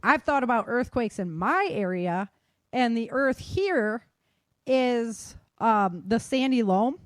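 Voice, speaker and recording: Speaking slowly and expressively in a slightly high voice, an American woman hosts a casual podcast discussion. The studio-quality recording has no echo, and this host and author often checks in with "right?" and "you know" as she makes her points.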